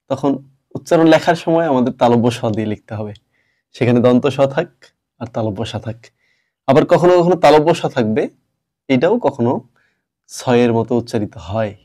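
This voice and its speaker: A man's voice: mid-range voice, darkish tone. A male teacher giving a step-by-step grammar lesson, stopping often to ask his class questions.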